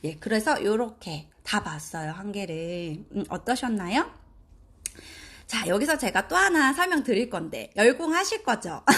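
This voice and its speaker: Animated woman teaching Chinese tones. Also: fairly high pitch, roomy sound. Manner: animated, drawn-out demonstration of Chinese syllables and tones. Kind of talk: live-streamed online lesson.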